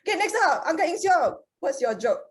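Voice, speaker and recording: A woman with a Singaporean accent hosting a light-hearted contest in a casual, teasing, animated way. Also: very high voice, fairly quick. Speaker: host of a dad joke contest. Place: video call.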